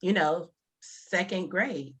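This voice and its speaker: A woman hosting a casual interview, playful and quick to laugh, repeating lines for emphasis. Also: fairly low pitch, slightly rough. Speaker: host.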